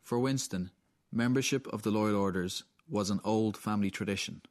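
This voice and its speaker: A man reading scripted documentary narration in a measured way. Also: lowish voice. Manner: measured, clear delivery. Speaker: reporter, narrator.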